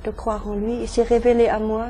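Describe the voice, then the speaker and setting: A woman's voice: fairly high pitch, level tone, fairly quick, warm tone, slight background noise. A middle-aged woman from Germany giving a faith testimony in an interview, hesitant, with many fillers and restarts. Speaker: interviewee, musician.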